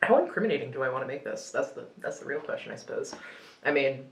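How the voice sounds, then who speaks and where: A young Ukrainian-born woman who presents radio news chats, giggles and rambles while reacting to the heat of a hot wing challenge. Her voice is extremely low, gravelly and animated, and she talks fast in a reverberant space.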